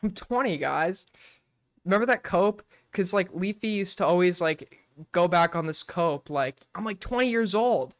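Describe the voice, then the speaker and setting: A high-pitched, expressive man in his twenties talks at normal speed, recorded dry with clean studio sound. On a late-night stream he chats casually, rambling along, swearing often and saying "like" constantly.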